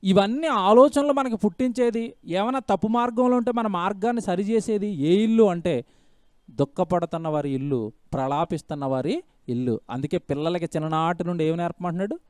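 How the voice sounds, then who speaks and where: A man with a high, smooth voice preaches a sermon, pressing his points with questions to the congregation and repeated lines. The sound is dry and close, with no room echo. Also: fairly quick. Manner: emphatic preaching with rhetorical questions and repeated phrases. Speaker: pastor.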